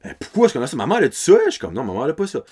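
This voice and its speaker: Animated Acadian man telling stories. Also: medium pitch, rapid-fire, husky. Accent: Acadian French. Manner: animated, laughing, mixes English words into French. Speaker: podcast host. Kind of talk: casual storytelling.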